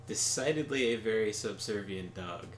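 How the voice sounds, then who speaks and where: During casual chat while gaming, a stream co-host tells rambling anecdotes loaded with fillers and chuckles. He has a lowish voice at normal speed, and the recording has a roomy echo with faint background noise.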